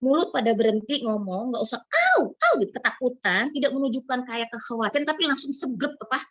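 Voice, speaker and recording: A woman psychologist talks through child development over a video call, bringing it to life by acting out parents and kids in quick quoted lines. Her voice sits fairly high and close, with a dry sound. The call audio is dull and lo-fi. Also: dry recording. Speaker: psychologist speaker. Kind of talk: explaining child psychology in an online talk.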